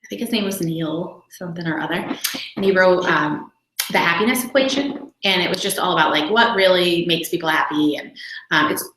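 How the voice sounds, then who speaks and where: A woman's voice: fairly low pitch, a little fast, fairly bright tone, slight background noise. A woman in her thirties, talking candidly and casually about her faith, with lots of fillers and self-deprecating asides. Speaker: faith video host. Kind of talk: casual personal reflection. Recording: roomy echo.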